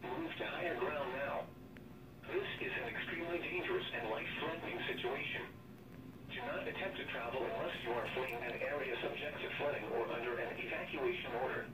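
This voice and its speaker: Through the speaker of a weather radio on a table in a small room, a synthetic text-to-speech man's voice of medium pitch reads an emergency weather alert, flat, formal, and measured. It's an automated announcer, picked up by a camera, with roomy, distant, noisy playback.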